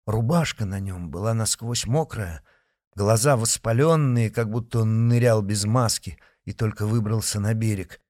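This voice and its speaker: A man's voice: lowish voice, moderate pace, a little mellow, no echo, studio quality. A man narrating an audiobook expressively, voicing each character.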